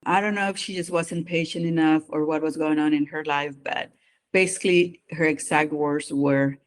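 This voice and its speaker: This psychologist, a guest who handles immigration evaluations, talks earnestly about the job and candidly about their own life during an interview. The mixed non-native English accent comes through a mid-range voice at normal speed, its intonation fairly even. There's slight background noise.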